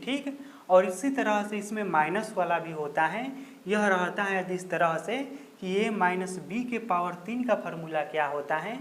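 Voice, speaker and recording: Patient math teacher, roomy sound. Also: male voice, high-pitched, fairly bright tone. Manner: patient, repetitive, keeps saying "look here". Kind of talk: step-by-step math lesson. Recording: roomy echo.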